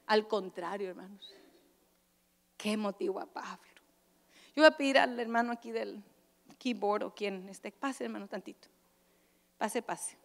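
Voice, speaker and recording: A woman preaching a sermon at a church convention, dramatic, with sudden swings from loud exclamations to hushed asides. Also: mid-range voice, a little slow, gravelly, long pauses. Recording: church hall reverb.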